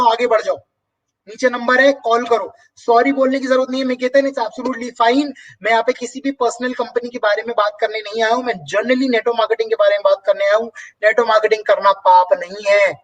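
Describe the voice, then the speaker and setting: A man's voice: very high-pitched, distant mic, dull audio. A man hosting a motivational business talk and answering viewer comments, speaking emphatically with rhetorical questions.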